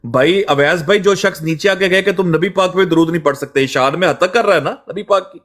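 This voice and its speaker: A man's voice: sits high, a little fast, a bit bright. A man hosting a heated religious debate stream, accusing and lecturing. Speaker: host reviewing clips.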